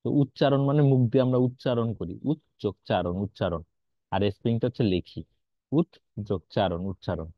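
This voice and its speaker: A man's voice: on the low side, expressive, fairly quick, dry recording. A man teaching grammar in an online class, explaining patiently and quizzing his students as he goes. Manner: explains patiently, asks students questions, mixes in English words. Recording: dull lo-fi online class audio.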